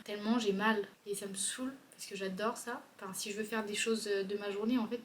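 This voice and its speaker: A woman's voice: mid-range voice, slight background noise. A woman of twenty chatting casually to her camera in a rambling vlog, full of fillers. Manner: chatty, rambling, many fillers like genre and euh. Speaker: vlogger. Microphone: handheld compact camera mic.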